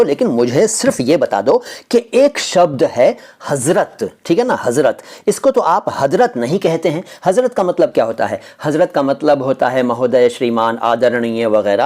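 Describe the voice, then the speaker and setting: A man's voice: medium pitch, a little mellow. A man from India, a language teacher explaining how words are pronounced, arguing his point with repeated rhetorical questions. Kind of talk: explaining word pronunciation to camera.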